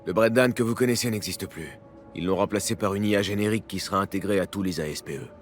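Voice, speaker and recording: A man acts a streetwise techie mercenary in a video game. His voice sits low and he talks in a casual, matter-of-fact way, skeptical but loyal underneath. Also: fast talker, soft background music, lightly acted. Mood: sober. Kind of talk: video game acting in French.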